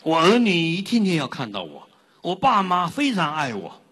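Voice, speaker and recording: A man's voice: wildly swooping pitch, moderate pace, a bit bright, slightly rough, exaggerated voice. A man voicing a self-important rich family man who pleads that his family can't live without him. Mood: pleading. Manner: pleading, raised pitch.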